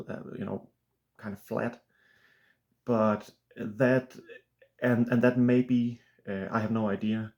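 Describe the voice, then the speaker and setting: Danish-accented man, flat throaty talk. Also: fairly low pitch. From Denmark. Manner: halting, many restarts and fillers. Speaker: author and channel host. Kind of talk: casual unscripted monologue.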